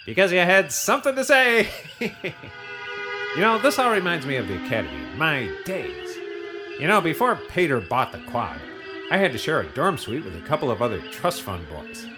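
A man's voice: on the high side, big pitch swings, moderate pace, music in the background. A man playing a pompous, wealthy starship captain who chuckles at his own jokes in a comedy audio sketch. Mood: smug. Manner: smug, chuckling, self-amused.

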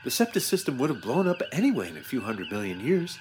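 A man playing a starship crew officer, delivering absurd lines deadpan in a comedy audio sketch. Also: medium pitch, quick pace, lightly acted. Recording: music bed behind the voice.

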